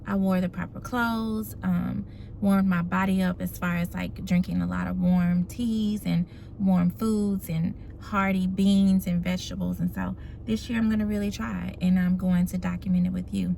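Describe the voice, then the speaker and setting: Woman in her 40s doing a casual vlog, lots of vocal fry, noisy background. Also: on the low side, steady tone, moderate pace, dark tone. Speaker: running vlogger.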